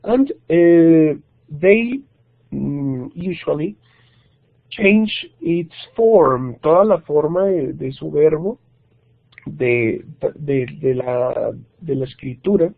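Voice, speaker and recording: A man's voice: fairly high pitch, animated, extremely slow, vocal fry, no room sound. A man teaching an online English grammar lesson, explaining patiently in Spanish with English examples and often checking in with his students. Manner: patient, checks in with "¿cierto?" and "¿listo?". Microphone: computer mic on video call. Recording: tinny, dry video call audio.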